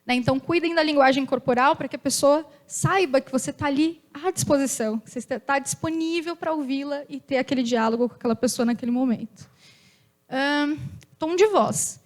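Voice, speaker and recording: A young woman giving an informal, chatty talk to an audience, with a loud voice, often acting out little dialogues. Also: high voice, a little fast. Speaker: speaker at a company talk event.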